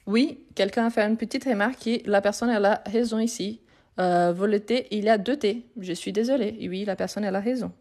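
A woman leads a live French grammar lesson online, going over each word twice, spelling it and fielding viewer questions. She speaks fairly fast in a medium-pitched, darkish voice.

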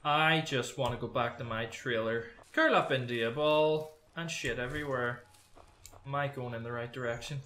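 Young man, Scottish accent, sweary nervous game commentary, bright sharp voice, roomy sound. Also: mid-range voice, moderate pace. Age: young adult. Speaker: gamer host. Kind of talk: gameplay commentary. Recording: roomy echo, faint background noise.

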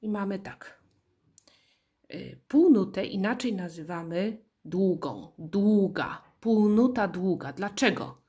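A woman's voice: medium pitch, lively intonation, slow pace, warm tone, husky. A woman teaching a music rhythm lesson, explaining note values patiently and counting beats aloud. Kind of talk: slow, deliberate classroom explanation.

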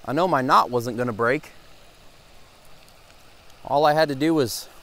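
A young man gives excited, casual running commentary to viewers while fishing from a pond bank, recorded on a head-mounted action camera outdoors. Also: medium pitch, a little slow. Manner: excitable, talks to viewers as guys. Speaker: fishing vlogger.

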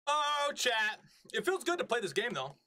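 A man's voice: very high voice, sing-song, normal speed, sharp tone. A man streaming a shooter game, joking and chatting playfully with his viewers. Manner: playful, jokey, talks to chat. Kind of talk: casual gameplay commentary.

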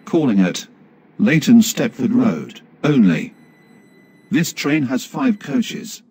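A man's voice: medium pitch, sing-song, slow, darkish tone, husky, exaggerated voice. A man playing an automated station platform announcer, reading scripted announcements in formal, list-like phrases. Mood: measured, formal. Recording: background railway noise.

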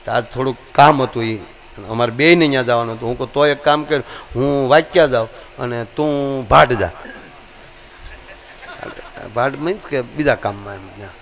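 A man's voice: mid-range voice, normal speed, fairly bright tone, slight background noise. A man from Gujarat, telling comic folk stories on stage and shifting his voice for each character. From Gujarat, India. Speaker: dayro storyteller. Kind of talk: live comic folk storytelling.

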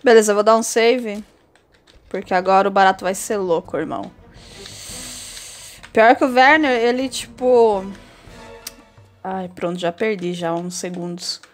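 A woman with a Brazilian Portuguese accent giving casual, expressive commentary over her own gameplay, chatty and quick to swear. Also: medium pitch, soft background music. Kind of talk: casual let's-play commentary.

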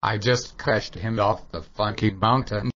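A man's voice: on the low side, steady tone, a little slow, a bit bright. A man voicing a foul-mouthed, hostile old grandpa in a cartoon, on a dull lo-fi recording. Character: cursing cranky old grandpa.

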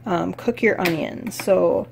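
Filmed on a phone at arm's length, a young woman cooks in her home kitchen for a casual cook-along vlog, rambling chattily with lots of fillers. She speaks slowly in a fairly low, darkish voice with vocal fry, over a slight hiss or hum.

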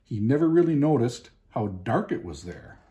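Reading a picture book to children from his living room, this man uses a medium-pitched, mellow voice. He takes his time, staying expressive and leaning on pointed pauses for emphasis.

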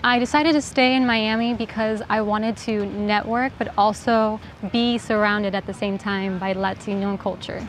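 A woman from Puerto Rico, an artist, calmly talking about her work in an interview. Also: mid-range voice, moderate pace, hardly any pauses, a little hiss or hum, poor audio. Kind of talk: interview monologue.

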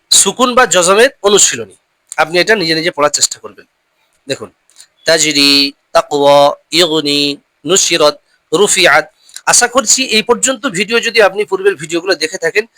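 A man teaches Quran recitation in a bright, fairly high voice. He explains each rule patiently, then recites drawn-out Arabic examples. The recording is close and dry. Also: expressive, no echo. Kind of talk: step-by-step recitation lesson.

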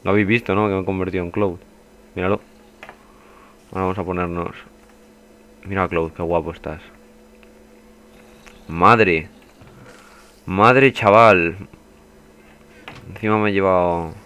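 Young man, low voice, casual gaming commentary, faint background ambience. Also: level tone, fairly quick, long pauses, a little hiss or hum. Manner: swearing, chatty, bursts into panicked yelling. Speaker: gaming youtuber. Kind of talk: casual let's play commentary.

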